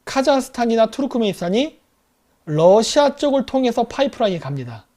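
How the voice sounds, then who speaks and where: Guy with a high voice riffing on world politics, lively, does little voices for countries. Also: brisk. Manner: animated, acts out countries as quarrelling people. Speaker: political commentator. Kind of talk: casual geopolitical commentary.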